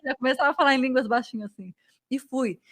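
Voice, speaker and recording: A woman telling her faith testimony as a podcast guest, a lively storyteller who acts out dialogue. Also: sits high, quick pace. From Brazil.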